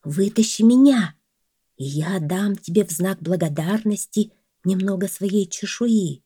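Woman doing a hushed, cunning snake for a fairy-tale reading, dry close sound. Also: medium pitch, measured pace, slightly rough, dry recording. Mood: sly whisper. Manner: whispered, sly. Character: scheming male snake, hissing and persuasive.

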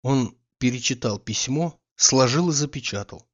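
A man reading a literary audiobook in a measured, calm storytelling manner. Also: medium pitch, muffled recording. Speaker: audiobook reader.

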